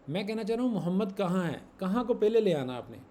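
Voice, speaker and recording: A man's voice: sits high, warm tone, slight background noise. A man teaching a class, patiently repeating examples and quizzing his students. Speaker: Arabic grammar teacher. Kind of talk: online class lesson.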